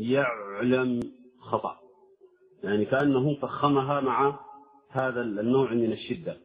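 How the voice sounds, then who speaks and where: A man teaching Quran recitation, slow and deliberate, drawing out words to show how each sound should be said. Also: medium pitch, breathy edge. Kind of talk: tajweed lesson with recited examples. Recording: tinny phone-like recording.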